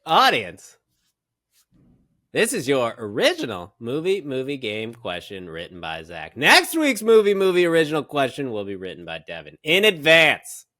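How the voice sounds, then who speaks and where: Animated, teasing male podcast co-host. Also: mid-range voice, moderate pace, dry recording, clean studio sound. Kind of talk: casual chat, reading quiz questions. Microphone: phone camera.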